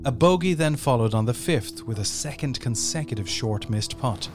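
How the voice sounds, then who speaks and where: A man's voice: mid-range voice, expressive, normal speed, over music. A man reading scripted narration for a sports documentary.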